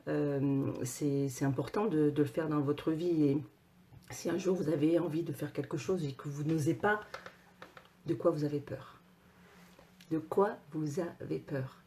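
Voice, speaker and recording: A woman coach talking casually to her viewers, animated, with many repeated words and restarts. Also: deep voice, moderate pace. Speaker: personal coach and author.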